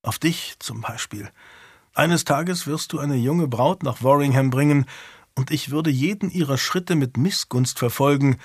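A man reading an audiobook voices a grieving older noble widow, speaking quietly and sadly. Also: medium pitch, measured pace, slightly rough, no echo, clean studio sound. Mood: melancholy.

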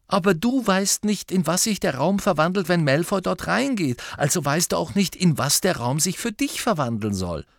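A clever, earnest teenage girl, put on by a male audiobook reader, explaining patiently. The voice is raised and lively in its melody. Close, dry recording. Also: high voice, normal speed, vocal fry, few pauses, no room sound, voice pushed up, exaggerated voice. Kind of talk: audiobook character voice.

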